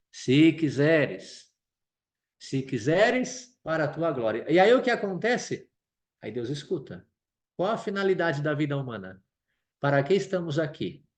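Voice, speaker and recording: Lively Brazilian priest preaching. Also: male voice, fairly high pitch. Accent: Brazilian Portuguese. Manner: lively, acts out prayers and quotes in changing voices. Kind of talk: sermon.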